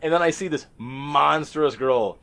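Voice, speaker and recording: A man's voice: a little high, a little slow, vocal fry, a bit bright. A man hosting a podcast, telling a story among friends in a casual, profane, self-mocking way.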